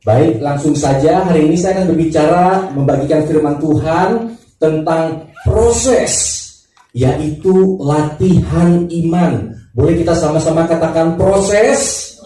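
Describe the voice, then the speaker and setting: A man from Thailand serving as pastor, praying and then preaching a sermon in a church service and inviting the congregation to answer back, unhurried and with pauses. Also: fairly high pitch, dark tone. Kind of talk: sermon with opening prayer. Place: church worship hall. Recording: very echoey hall, mic at a distance, faint music.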